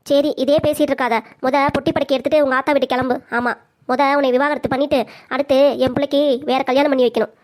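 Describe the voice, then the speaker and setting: பெண் பேசும் நக்கலடிக்கும் வயதான மாமியார். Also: female voice, sits high, little pitch movement, quick pace, natural voice. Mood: scolding. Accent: Tirunelveli Tamil. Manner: taunting, scolding. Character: sharp-tongued scheming older mother-in-law. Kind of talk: cartoon comedy voice acting.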